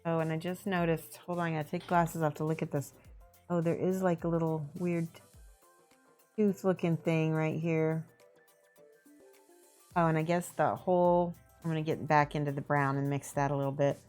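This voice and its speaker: A woman with a Midwestern American accent chats casually on a live stream while painting miniatures, talking through her steps aloud. Her voice sits low and moves at a normal speed, with faint music behind her. She sounds relaxed, thinks aloud, and greets viewers in the chat.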